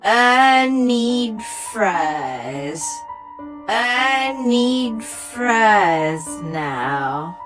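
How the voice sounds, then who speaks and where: A man voicing a creepy, ragged old woman who repeats herself in a slow, ghostly, drawn-out way in a spoken horror story. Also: sits high, sing-song, music in the background, voice pushed up, exaggerated voice. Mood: eerie pleading.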